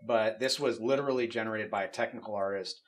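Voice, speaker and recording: Man demoing software in a relaxed tone. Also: lowish voice, fast. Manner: relaxed, explanatory, with frequent fillers. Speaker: game studio technical artist demonstrating tools. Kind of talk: casual software demo walkthrough. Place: office at a desk with monitors.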